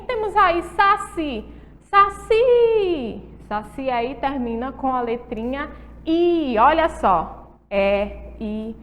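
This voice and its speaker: A woman's voice: high-pitched, long reverb tail. A Brazilian Portuguese-accented woman teaching a recorded lesson to young pupils, drawing out and repeating words in a sing-song way. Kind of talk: recorded school lesson for children.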